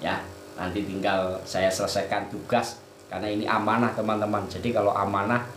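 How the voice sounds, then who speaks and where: A man's voice: fairly low pitch, level tone, brisk, a bit bright. A man hosting a casual live chat, thanking viewers and reciting prayers in a rhythmic, devout way. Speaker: channel host reading viewer comments. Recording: roomy echo, faint background noise.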